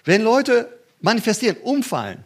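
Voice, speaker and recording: Chatty husky-voiced man preaching. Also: moderate pace. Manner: conversational, frequent "ne?" asides and restarts; lively, pitch jumps when stressing points. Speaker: pastor. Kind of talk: sermon.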